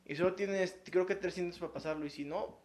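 A man's voice: high-pitched, fairly even intonation, fast talker. A man with a Mexican Spanish accent in a casual chat as a co-host, cracking crude jokes in slang.

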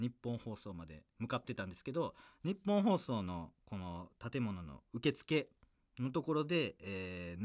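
A man with a Kansai accent, a comedian hosting a podcast, telling stories in a playful, jokey way and laughing often. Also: medium pitch. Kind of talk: casual podcast chat.

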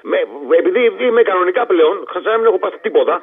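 Male caller, husky, rambling, lively pitch, telephone audio. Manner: rambling, loosely strung story. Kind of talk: call-in radio storytelling. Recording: tinny phone line.

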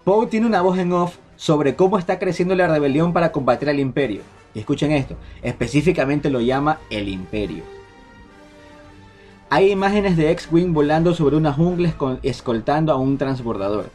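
A man, hosting a casual podcast chat, relaying leaked details in a quick, restarting way. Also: fairly high pitch, expressive, darkish tone, faint music behind. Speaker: podcast host. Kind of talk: casual group chat about film rumors.

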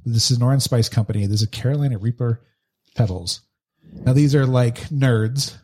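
A man with a somewhat husky, breathy voice co-hosts a relaxed podcast. He jokes around and steers the talk from one segment to the next. He is recorded on a lavalier mic in a room at home. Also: medium pitch, moderate pace. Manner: laughs often, jokey, leads segments. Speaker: podcast co-host. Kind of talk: casual chat.

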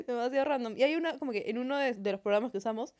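A woman's voice: a little high, quick pace. Playful young woman. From Peru. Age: young adult. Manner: playful, giggly, relaxed. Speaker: podcast co-host, university freshman. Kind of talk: casual chat.

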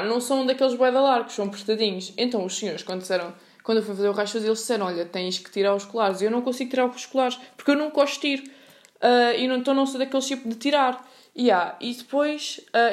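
A young woman with a European Portuguese accent, telling a funny personal story in a casual, slangy podcast monologue, often laughing. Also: on the high side. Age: young adult. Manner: chatty, slangy, laughs at her own story. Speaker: podcast host.

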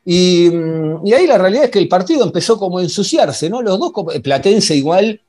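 A man with an Argentine accent hosting a football podcast in a conversational, halting way, often repeating himself. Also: high-pitched, animated, a little mellow. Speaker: sports podcast host. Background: faint music.

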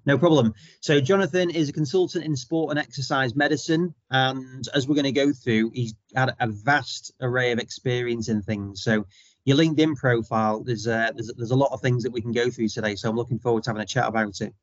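A man hosting an interview, asking relaxed, friendly questions. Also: medium pitch, a little fast, no room sound, lo-fi sound. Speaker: podcast host. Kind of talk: casual interview.

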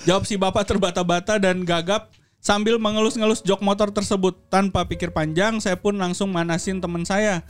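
A man's voice: high voice, fairly even intonation, moderate pace, smooth. A young man with a Sundanese accent, casually reading a listener's story on a podcast, laughing and mixing in local dialect.

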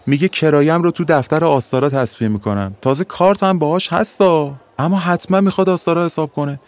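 A man's voice: on the high side, lively intonation, pitched above the performer's own voice, close to an everyday voice. A man voicing an exasperated male bus ticket clerk who scolds and pleads in an agitated way.

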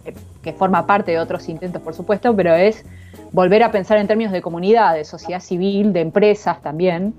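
A woman's voice: lowish voice, steady tone, fairly quick, darkish tone, faint music behind. A woman with an Argentine accent, an author talking casually about her book in an interview, slangy and thinking aloud. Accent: Argentine Spanish. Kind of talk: casual conversation.

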